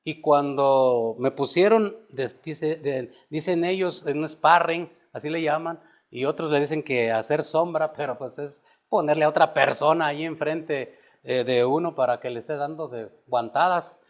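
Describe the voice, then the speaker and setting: A man preaching a sermon, moving from quiet storytelling to loud emphatic peaks and calling listeners "brother". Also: fairly high pitch, normal speed. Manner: addresses listeners as "hermano". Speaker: pastor.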